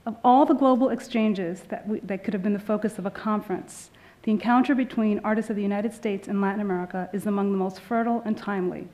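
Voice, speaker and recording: Woman, museum curator, formal welcome speech, podium mic, auditorium, frequent uh pauses. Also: medium pitch, steady tone, dark tone. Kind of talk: welcoming conference remarks.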